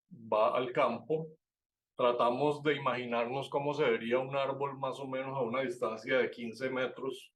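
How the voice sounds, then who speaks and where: A man's voice: medium pitch, a little hiss or hum. A man from Colombia, teaching an online birding class and explaining things step by step, checking in with his students and correcting himself as he goes. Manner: self-correcting, with fillers and restarts. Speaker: birding course instructor.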